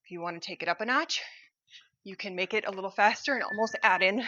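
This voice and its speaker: A woman's voice: medium pitch, fast, pushed and bright, muffled recording, slight background noise. A woman fitness instructor cueing a cardio workout while she exercises, upbeat and encouraging.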